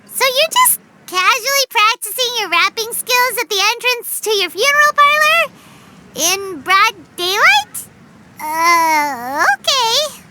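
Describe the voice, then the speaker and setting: A woman voicing a tiny floating female companion creature in a video game, squeaky, childlike and wide-eyed, chatty and easily spooked. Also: very animated, slow pace, very noisy, full character voice. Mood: puzzled.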